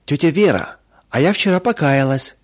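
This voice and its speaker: A man voicing a lively young girl who is quick to temper, his voice pitched up. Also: lightly acted. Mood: cheerful. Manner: raised pitch, emotional swings.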